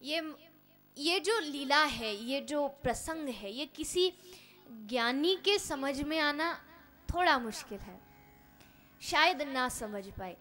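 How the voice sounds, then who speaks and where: A woman giving a devotional discourse, telling stories in an animated way and acting out the characters. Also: high-pitched, takes it slowly. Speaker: religious storyteller.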